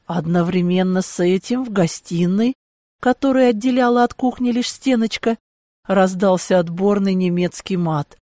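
A woman's voice: mid-range voice, moderate pace, warm tone, no echo, clean studio sound. Woman narrating an ironic audiobook. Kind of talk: first-person audiobook narration.

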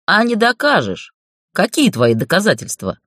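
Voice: mid-range voice, wildly swooping pitch, normal speed, fairly bright tone, no echo, clean studio sound, voice pushed up. A narrator voicing a crude, foul-mouthed middle-aged male boss who bullies and mocks in an audiobook. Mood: angry bullying. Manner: bullying, swearing, mocking. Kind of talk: audiobook character voice.

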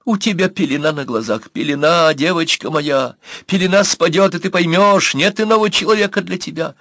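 A man's voice: fairly high pitch, moderate pace, fairly bright tone, no echo, clean studio sound, pitched above the performer's own voice. A man doing a fat, bleating lecherous uncle. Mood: desperate. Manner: begging, cooing, bleating whisper. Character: short fat repulsive uncle pleading for love.

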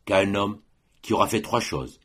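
A man voicing a young woman, a gentle but fiercely determined sister, in a soft husky voice raised above his own. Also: lowish voice, lively intonation, moderate pace. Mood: grave.

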